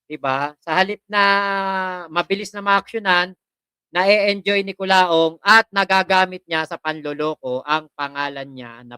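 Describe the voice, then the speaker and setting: A chatty livestream host who reads out viewer comments, greets them one by one by name, and laughs often. The voice is bright and smooth. It sits very dry and close to the mic. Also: mid-range voice, no room sound. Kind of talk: casual livestream chat.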